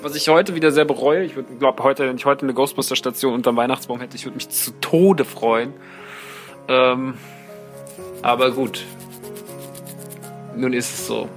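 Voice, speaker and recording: A man's voice: medium pitch, fairly even intonation, normal speed, pauses often, faint music behind. A young man hosting a podcast, telling a story in a casual, rambling, self-mocking way with many fillers. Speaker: podcast host.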